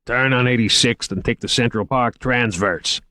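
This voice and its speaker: A man's voice: mid-range voice, lively intonation, normal speed, a bit bright, dry recording, pitched above the performer's own voice, lightly acted. A man voicing an irritable, profane New York police lieutenant in an audiobook, blunt and exasperated. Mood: barking directions. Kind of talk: audiobook character acting.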